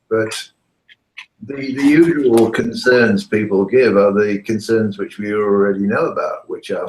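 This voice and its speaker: A man's very deep voice comes through a call line that keeps breaking up and rings with echo. He talks casually and hesitantly, full of pauses and fillers. It is a lecturer in an easygoing chat. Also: darkish tone, slight background noise. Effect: remote call line that breaks up, with echo. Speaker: university lecturer. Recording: echoey, breaking-up call audio.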